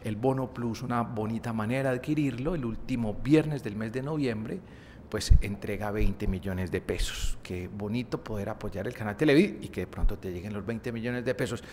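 A middle-aged man giving on-air announcements and a warm appeal for donations to a religious TV channel. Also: moderate pace. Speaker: TV channel presenter. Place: studio set at a lectern. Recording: reverberant studio, faint rumble.

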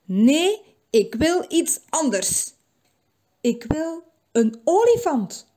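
A woman voicing a spoiled, demanding little girl princess in a read-aloud storybook, high and insistent. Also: sing-song, extremely slow, warm tone, exaggerated voice.

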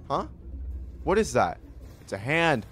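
A man's voice: mid-range voice, lively intonation, unhurried, slight background noise. A young man hosting a gaming channel, casually reacting aloud and reading dialogue during a let's play.

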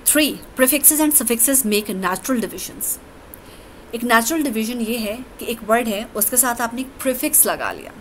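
A woman teacher, giving a deliberate grammar lesson that moves between English and Urdu. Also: a little high, animated, fairly bright tone, slight background noise, low-quality recording.

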